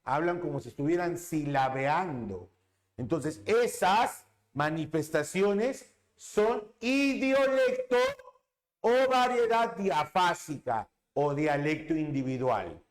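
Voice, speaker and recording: A man's voice: a little high, lively intonation. A man teaching a language lesson, repeating key terms and checking understanding with rhetorical questions. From Peru. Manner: drawn-out emphatic stresses on terms. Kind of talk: classroom lecture on linguistics.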